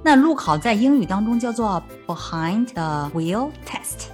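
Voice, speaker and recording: A young woman from China hosts a bilingual language-learning podcast, moving between Chinese and English with a Chinese accent. She sounds friendly and says mm-hmm a lot, her medium-pitched voice expressive and unhurried over soft background music.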